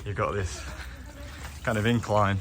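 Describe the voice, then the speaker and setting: A man's voice: lowish voice, fairly even intonation, a little slow, a bit bright. A young man hosting a casual travel vlog, chatting with his companion as they walk. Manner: chatty, asks companion questions. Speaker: travel vlogger host. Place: outdoors in a lakeside village. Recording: outdoor street noise.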